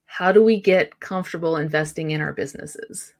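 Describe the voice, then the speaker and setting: A woman's voice: low-pitched, a little fast. A woman hosting a podcast, talking in a conversational way and affirming her guest. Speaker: podcast host. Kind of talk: casual podcast interview.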